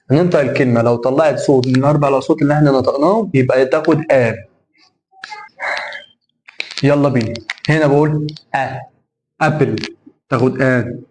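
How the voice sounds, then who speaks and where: A man's voice: mid-range voice, quick pace, long pauses, a little mellow. A man with an Egyptian Arabic accent teaches an English lesson. He drills sounds over and over, stretching them out. Faint noise sits behind his voice. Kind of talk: classroom lesson explanation.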